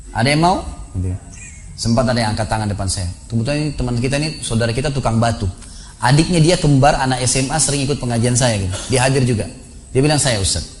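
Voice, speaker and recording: Fast-talking male preacher. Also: mid-range voice. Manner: storytelling, acting out dialogue, rising to emotional peaks. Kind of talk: sermon. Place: large mosque.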